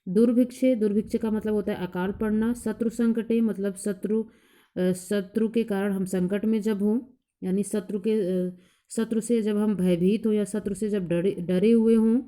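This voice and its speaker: A woman teacher explaining a lesson to a class, reciting verses slowly and then explaining them in plain, repeated points. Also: medium pitch, fairly even intonation, warm tone. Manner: repeats each point several times. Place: coaching class.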